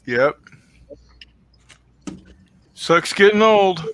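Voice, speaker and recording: A man in his early fifties drops short, dry remarks into a casual conversation among friends. He speaks very slowly, and his voice is bright and a little sharp. The sound is close and dry. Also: high voice, expressive, clear, resonant tone, dry recording. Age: 50s. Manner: short dry interjections and quips. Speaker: tabletop gaming group member. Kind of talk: casual chat.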